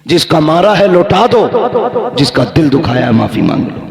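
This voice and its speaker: A man's voice: fairly high pitch, big pitch swings, normal speed. A male Islamic preacher giving a sermon at a gathering, exhorting the crowd and chanting a genealogy in a raised, sing-song cadence. He says he is tired. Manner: exhorting, urging the crowd to respond loudly. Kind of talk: sermon at an outdoor religious gathering. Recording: echoey public address with crowd.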